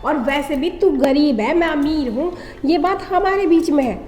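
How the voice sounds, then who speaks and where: A woman's voice: sits high, moderate pace, darkish tone, soft background music, lightly acted. An actress playing a rich, lonely wife in a scripted short drama. She coaxes at first and then turns bossy and threatening. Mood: domineering. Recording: echoey room with long reverb.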